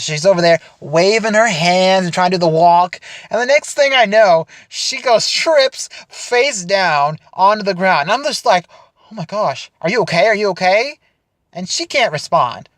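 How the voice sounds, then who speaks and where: A young man telling a funny story casually to the camera for an audition, animated and chatty. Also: sits high, no echo. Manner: animated, chatty, frequent restarts and laughter. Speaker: audition video speaker.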